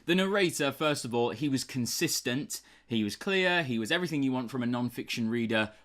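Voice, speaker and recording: Brisk and a bit bright, his mid-range voice has lively intonation. He's a young British co-host on a book review podcast, chatting casually and rambling with plenty of fillers and false starts.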